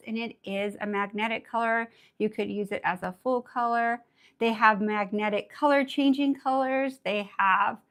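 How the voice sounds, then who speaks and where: Bubbly raspy-voiced woman teaching nails. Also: a little high. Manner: bubbly, excitable, chatty. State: under the weather. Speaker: nail art instructor. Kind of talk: casual live tutorial chat.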